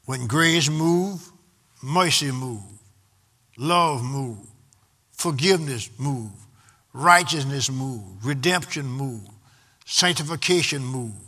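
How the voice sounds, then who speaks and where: Bright-voiced preaching man. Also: medium pitch, takes it slowly, long pauses. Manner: rhythmic preaching with repeated refrains, rising in intensity. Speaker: pastor. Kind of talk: sermon.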